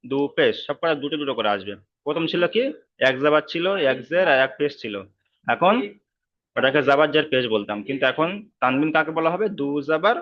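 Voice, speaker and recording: A man teaching Quran reading in an online class, patient, repeating each sound slowly over a video call. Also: fairly high pitch. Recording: slightly dull online call audio.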